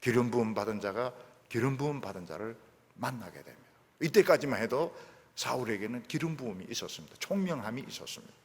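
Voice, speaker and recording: A middle-aged male pastor preaching an animated sermon, repeating phrases for emphasis. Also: medium pitch, big-room sound.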